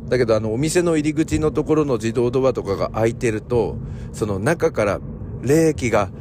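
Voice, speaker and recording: This is a man hosting a relaxed solo morning podcast, in an easy, rambling way. His pitch is lively and moves around a lot, and he leans on plenty of fillers as he jokes. A faint vehicle noise sits behind him. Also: fairly quick. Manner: chatty, digressive and joking, with many fillers. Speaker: podcast host.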